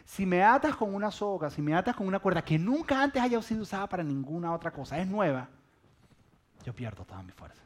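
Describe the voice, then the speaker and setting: A man's voice: high-pitched, big pitch swings, brisk, voice pushed up. A man putting on a weary, gullible strongman. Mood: resigned.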